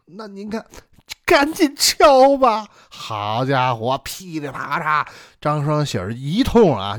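A man telling a traditional story in a lively, chatty way with many fillers. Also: on the high side, no echo, clean studio sound.

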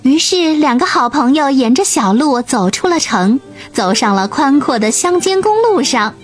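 A woman narrating a children's bedtime story, gentle, clear and expressive. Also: sits high, normal speed. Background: soft music.

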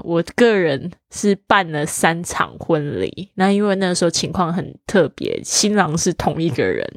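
Middle-aged woman teaching English, chatty and animated, slightly low voice, dry close sound. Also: no room sound. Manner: chatty, animated storytelling with frequent pitch jumps. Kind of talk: casual spoken lesson.

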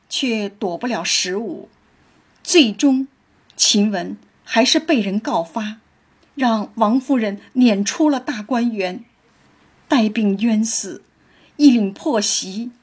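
Woman storyteller, reflective, slow pace, breathy tone. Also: medium pitch. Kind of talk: storytelling with commentary.

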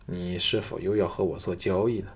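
A man's voice: low voice, fairly even intonation, a little fast, vocal fry, breathy edge, full character voice. A man voicing a cool, commanding young hero who speaks curtly and coldly. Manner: curt, cold.

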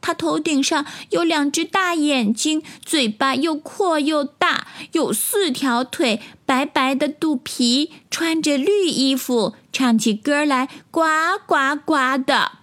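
A woman voicing a chorus of eager little tadpole children in a storybook, with high, pleading, sing-song calls. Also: takes it slowly, hardly any pauses, a bit bright.

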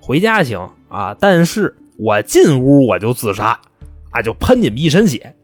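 A man's voice: mid-range voice, very animated, normal speed, no room sound, faint music behind. Man doing a spiteful, menacing young husband. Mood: cold, threatening. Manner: swings from whiny pleading to cold threats and screaming.

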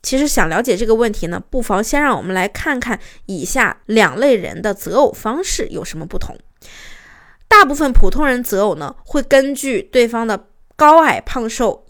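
A woman's voice: a little high, a bit bright. A young woman, a host's assistant, narrating relationship advice and telling a client's story, acting out quoted arguments with rising emphasis.

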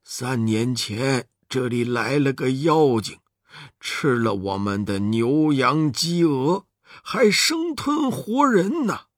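A man's voice: mid-range voice, lively intonation, no room sound, clean studio sound. A man voicing a timid but proud old village elder who sighs and drags out his exclamations. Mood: pleading. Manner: sighing, drawn-out exclamations. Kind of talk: children's storybook narration.

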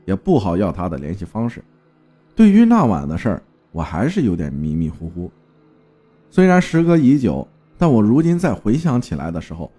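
A male podcast host narrates with expressive, lively movement in a low, warm voice. He also talks through an ad in a loose, chatty manner, with soft music faintly underneath. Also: husky. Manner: lively, expressive reading that turns relaxed and chatty. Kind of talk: storytelling narration and ad read.

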